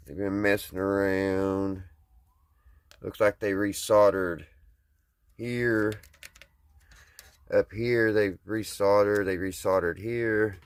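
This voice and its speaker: This Southern-accented vlogger restores radios, giving casual, hands-on commentary that's folksy and hesitant as he thinks out loud. He has a deep, gravelly voice.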